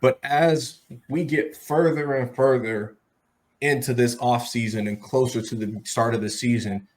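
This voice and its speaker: A man with a medium-pitched voice hosts a casual sports talk show. He talks conversationally and addresses the listeners directly as he lays out his commentary. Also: steady tone, a little slow. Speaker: sports podcast host.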